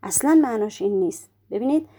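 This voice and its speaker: A woman delivers a religious lecture in a mid-range, expressive voice that is dark and a bit breathy. Working through her points one at a time, she asks rhetorical questions only to answer them, and her pace eases when she quotes prayers.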